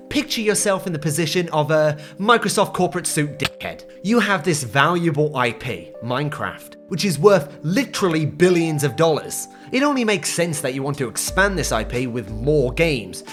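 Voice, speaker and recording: A video essayist delivering a scripted, unhinged rant in an exasperated, sarcastic way. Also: medium pitch. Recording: music playing behind. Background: background music.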